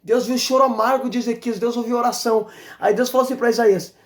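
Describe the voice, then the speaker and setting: A man preaching a fervent sermon as an evangelist, exhorting and repeating his points with shouts of praise. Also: very high voice, steady tone, fast. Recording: roomy echo.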